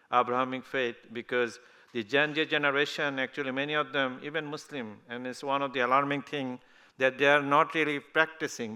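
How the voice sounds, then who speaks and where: Bright-voiced man moderating a panel. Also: medium pitch, smooth. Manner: loose, rambling, laughs easily.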